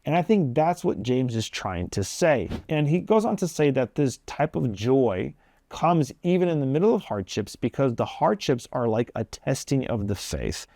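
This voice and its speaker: A man's voice: mid-range voice, big pitch swings, normal speed, dark tone, no room sound. A man hosting his own video, giving a casual, earnest devotional talk in plain everyday language. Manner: conversational, plain-spoken, earnest. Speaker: video host.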